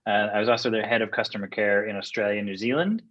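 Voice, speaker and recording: A man's voice: on the low side, fast, a bit bright. A man from the United States introducing himself on a panel in a friendly, easygoing way. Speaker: panelist, operations executive. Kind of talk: casual panel talk. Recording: dull lo-fi video call audio.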